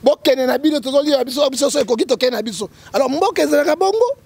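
A man with a Congolese accent appears as a prophet guest in an interview, delivering emphatic political commentary, quoting scripture and repeatedly checking in with "hein?". His voice is extremely high, expressive and racing, with vocal fry and a darkish tone.

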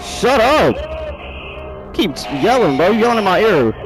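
Young gamer dude yelling and cracking jokes thru a horror game, pitch all over the place, loud game music behind. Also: male voice, expressive, quick pace, rough recording. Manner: loud, jokey, yelling in panic. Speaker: gaming YouTuber. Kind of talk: horror game let's play commentary.

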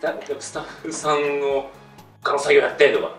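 A young man in casual chat, flustered and halting, speaking deferentially. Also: a little high, level tone, a bit bright. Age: young adult. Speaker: junior performer, target of a prank. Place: small meeting room with hard walls. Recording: echoey room, distant mic, music behind.

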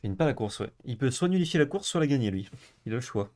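Fast-talking young man thinking aloud. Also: mid-range voice, animated, darkish tone. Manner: quick, chatty, thinking aloud. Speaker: co-host streaming a card game. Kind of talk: casual gaming chat.

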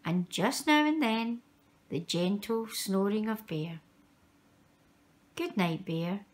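Reading to young listeners, a woman with a mid-range voice brings a children's picture book to life. She is expressive and measured, and she stresses moments dramatically.

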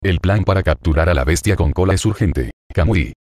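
A man voicing a confident young ninja hero in a web novel reading, relaxed and self-assured. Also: low-pitched, a little fast, no echo, clean studio sound.

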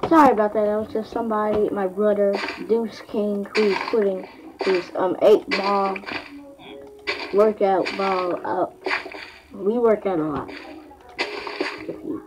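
A woman chews gum as she talks over her gameplay in a halting, rambling way, often restarting her sentences. She records on a laptop in a small home office. A steady hiss and scattered clicks sit under her voice. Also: medium pitch. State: chewing gum. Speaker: gaming vlogger. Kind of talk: casual gameplay commentary.

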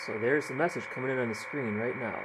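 A man's voice: medium pitch, fast. A man presenting a casual hands-on demonstration, explaining each step as he goes. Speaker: exercise participant and presenter. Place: small indoor radio desk. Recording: faint room noise.

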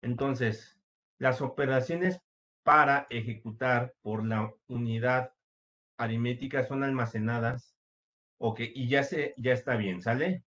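A man's voice: mid-range voice, unhurried, a bit bright. A man teaching a computer class, walking students through each step patiently with frequent fillers. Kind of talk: screen-share computer lesson.

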